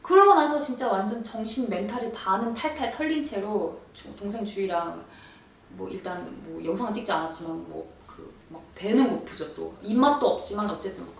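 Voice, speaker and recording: A young woman vlogger telling a story in an animated, exasperated way, acting out quoted lines. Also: mid-range voice, fairly quick, creaky, a little hiss or hum. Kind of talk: storytelling vlog. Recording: echoey room, voice from far off.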